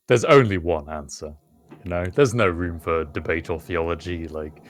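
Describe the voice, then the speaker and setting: A British man with a very deep voice talks through ideas in a relaxed podcast conversation. He is measured and thoughtful, pausing often and filling gaps with hesitant ums and uhs. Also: faint music behind. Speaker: podcast co-host. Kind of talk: casual chat.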